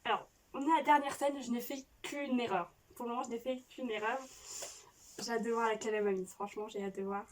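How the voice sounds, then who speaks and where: A woman's voice: a little high, steady tone, fast talker. A woman YouTuber chatting casually as she plays a quiz game, rambling and restarting her sentences. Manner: chatty, rambling, self-justifying with frequent restarts. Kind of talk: casual reaction chat. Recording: voice a bit distant from mic with faint noise.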